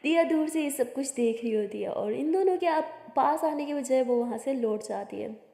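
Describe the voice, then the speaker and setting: A woman's voice: high-pitched, animated, normal speed, vocal fry, mellow. A woman with an Indian accent narrating a story in a chatty, casual way, mixing in English words. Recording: echoey room with long reverb.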